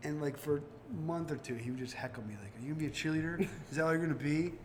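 Recorded with a little hiss or hum, a man with a fairly high voice hosts a casual podcast from a brewery taproom. He races through his stories with animation, performing the quotes himself.

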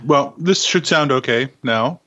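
A man's voice: medium pitch, measured pace, pushed and bright, muffled recording, a little hiss or hum. A man co-hosting a podcast in casual chat, teasing playfully with short remarks. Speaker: podcast co-host.

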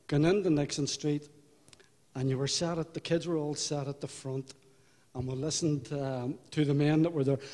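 An older man with a Belfast accent giving a personal testimony in church, unhurried and reflective, with halting restarts. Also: fairly high pitch, mellow. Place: church hall. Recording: hall reverb.

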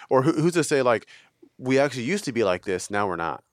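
A man's voice: medium pitch, big pitch swings, quick pace, no echo, clean studio sound. A man co-hosting a casual podcast, rambling and musing aloud with lots of fillers. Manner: rambling, musing, many fillers like "you know what I'm saying". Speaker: podcast co-host. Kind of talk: casual chat.

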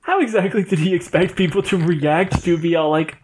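A man's voice: high voice, brisk, darkish tone, slightly rough. A man co-hosting a podcast, chiming in with wry, joking comments. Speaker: podcast co-host. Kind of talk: casual chat.

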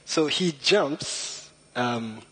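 In an informal storytelling talk, a slightly nervous young Rwandan guest speaker chats and jokes, full of puns and self-deprecating humor. His mid-range voice is husky and a bit bright, with lively intonation, and he speaks very slowly. The audio quality is poor.

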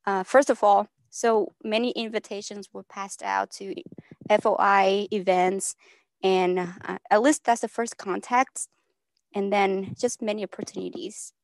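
A soft-spoken woman sharing advice at a church gathering in a casual talk. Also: medium pitch, fairly even intonation, measured pace, no room sound.

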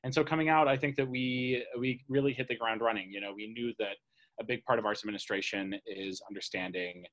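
A man's voice: mid-range voice, steady tone, brisk, a bit bright, poor audio. A young man from the Atlanta area, a theater's managing director, talking casually in an interview with many "uh" fillers. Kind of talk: interview guest.

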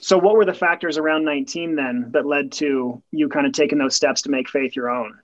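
Male interviewer, slightly higher voice, tinny tin-can audio, dull lo-fi line, quick affirmations. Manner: short encouraging affirmations between questions. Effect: tinny, muffled tin-can audio. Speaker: podcast host and pastor. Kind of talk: conversational interviewing.

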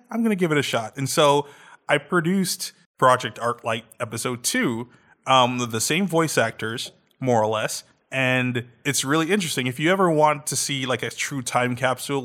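A man in his thirties hosts a podcast, chatting casually and animatedly with lots of laughter and filler words. His voice is medium-pitched and a little bright.

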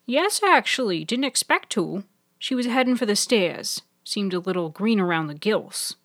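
A woman voicing a flustered middle-aged hospital nurse who blurts out hurried, startled lines. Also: medium pitch, expressive, fairly bright tone, voice pushed up.

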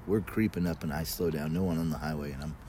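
Deep-voiced man telling fireside stories. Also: fairly even intonation, fast, warm tone. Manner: colloquial, mild swearing. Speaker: guest telling personal stories. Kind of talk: fireside storytelling, casual and conversational. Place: outdoors in a backyard. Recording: noisy outdoor ambience with vehicle sounds.

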